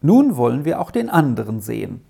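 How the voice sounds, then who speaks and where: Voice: mid-range voice, sing-song, fairly quick, gravelly, dark tone, husky, full character voice. A reader voicing an insistent, well-off lady traveler who scolds and commands in an audiobook story. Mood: annoyed. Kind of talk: audiobook reading.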